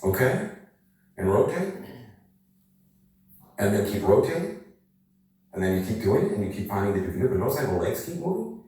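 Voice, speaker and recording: A man demonstrating energy exercises to the camera, talking in a lively, coaxing way and asking rhetorical questions. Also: lowish voice, brisk, long pauses. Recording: very echoey room, voice from a distance.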